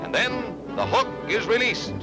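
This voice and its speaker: A man's voice: extremely high pitch, animated. Old newsreel announcer guy, punchy and dramatic, voice swings up and down a lot, big music blaring under him. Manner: brisk, dramatic announcer delivery. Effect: old newsreel recording. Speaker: newsreel narrator. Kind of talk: 1940s newsreel narration. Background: loud music.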